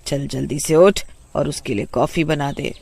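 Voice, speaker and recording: A man voicing a fussy old mother-in-law in a kids' storybook, scolding and wailing in a shrill voice. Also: moderate pace, vocal fry, darkish tone. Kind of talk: storybook voice acting.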